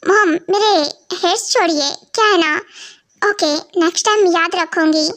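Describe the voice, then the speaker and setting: A woman voicing a quick-tempered young bride in a fan-dubbed audio story, with a snappy, irritated way of talking. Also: extremely high pitch, a bit bright. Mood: polite.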